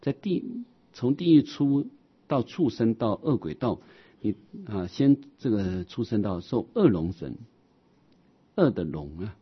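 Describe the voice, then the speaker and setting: A man teaching a Buddhist sermon on scripture, explaining as he goes, with many drawn-out "ah" fillers and rhetorical questions. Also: fairly low pitch, big pitch swings, slightly rough, dull audio.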